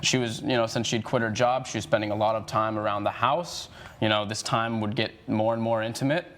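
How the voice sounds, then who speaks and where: A man's voice: lowish voice, steady tone, brisk, fairly bright tone. A young man in his twenties testifying as a co-defendant, explaining himself hesitantly with many fillers. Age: 20s. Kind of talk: courtroom testimony.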